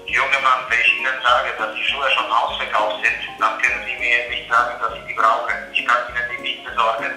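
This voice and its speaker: A man on the other end of a phone line, working as a shop clerk and patiently walking a caller through a website. His voice is very bright and sharp. The line sounds echoey, with faint music behind it. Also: medium pitch, flat delivery, fairly quick, hardly any pauses. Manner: patient, explaining step by step. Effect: heard over the phone. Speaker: sneaker store clerk. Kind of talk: phone customer service.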